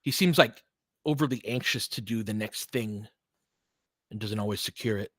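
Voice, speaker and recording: With a lowish, slightly bright voice and a moderate pace, a man calls live basketball casually in clipped bursts, broken up by conversational analytical remarks. He serves as play-by-play commentator and host, and the studio-quality sound has no echo.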